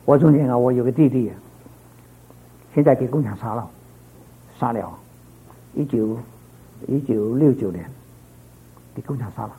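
Older male preacher from Fuzhou, gravelly husky voice, rambling storytelling sermon. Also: mid-range voice, moderate pace, long pauses, phone-quality sound. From Fuzhou, China. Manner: storytelling, rambling, trailing off softly at phrase ends.

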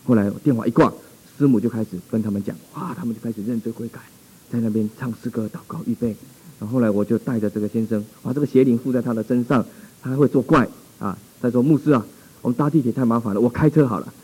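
A man's voice: mid-range voice, fairly even intonation, quick pace, warm tone, husky, rough recording. A male pastor telling a dramatic, exclamatory testimony in a sermon.

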